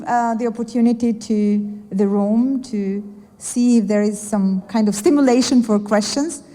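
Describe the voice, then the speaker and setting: A woman's voice: on the high side, warm tone. A woman moderating a business panel, reflective and hedging, with frequent restarts. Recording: echoey event hall.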